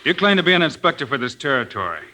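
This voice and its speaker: An actor playing a steady American frontier lawman with old-fashioned hero bravado in a radio western. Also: a little high, very fast. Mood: cool, challenging. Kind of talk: 1950s radio western acting. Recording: noisy old radio recording.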